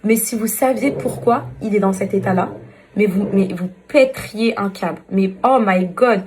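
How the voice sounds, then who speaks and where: Here a woman with a mellow, mid-range voice speaks at a moderate pace, with slight background noise behind her. She's an influencer doing a chatty beauty tutorial for her followers, exasperatedly venting and repeating herself as she goes.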